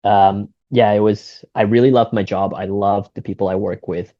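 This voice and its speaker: This golf shop owner, a Singaporean man in his thirties with an American accent, talks casually as an interview guest and tends to ramble. His voice sits on the low side at a normal pace, loose and relaxed, full of fillers and false starts. Audio is dry and dull.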